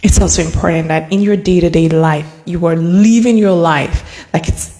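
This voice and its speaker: A woman's voice: lowish voice, moderate pace, mellow, in a large hall. A woman hosting a live stream, talking straight to her viewers, flustered and laughing as she goes. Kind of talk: casual live-stream talk.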